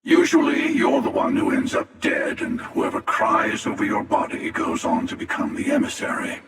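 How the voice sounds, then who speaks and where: A man playing The Hunter, a cynical, menacing older villain in a video game, with a breathy rasp and a slow, sardonic, world-weary delivery. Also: extremely high pitch, wildly swooping pitch, fairly bright tone, soft background music, full character voice. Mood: cold menace. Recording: long echoing reverb, distant from mic.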